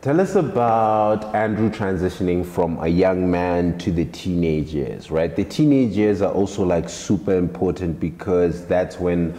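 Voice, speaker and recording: A man's voice: low-pitched, measured pace, hardly any pauses, mellow. A man hosting a casual interview, laid-back, with frequent short affirmations. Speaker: interviewer, host. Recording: echoey room with long reverb.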